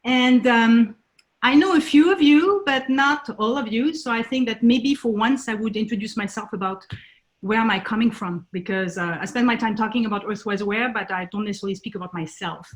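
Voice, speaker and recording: A French woman with a French accent presents at an online talk as a nonprofit founder over a video call. Her voice is fairly high and fairly quick, and she hesitates and restarts often.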